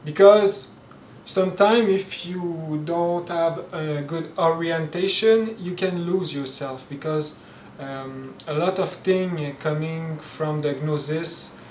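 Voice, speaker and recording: A native French-speaking spiritual teacher from Quebec, Canada, gives an informal spoken lecture in a Québécois French accent, halting often with fillers and restarts. His voice is a little high and darkish in tone. The mic sits at a distance in a roomy, echoey space with faint ambience and slight background noise.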